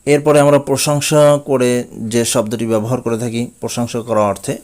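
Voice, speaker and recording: A man with a Bengali accent gives a slow, repetitive English pronunciation lesson, repeating each word several times before explaining its meaning. His mid-range voice is a little fast and a little mellow.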